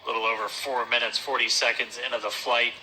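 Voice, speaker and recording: A man giving live launch commentary in a measured, explanatory way as a webcast host. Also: mid-range voice, flat delivery, noisy background.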